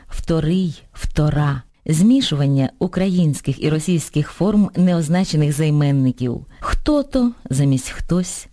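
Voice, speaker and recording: A woman presenting a scripted educational radio programme. She reads clearly and deliberately, setting correct word forms against incorrect ones. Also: low voice, dark tone, no echo, clean studio sound. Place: radio studio.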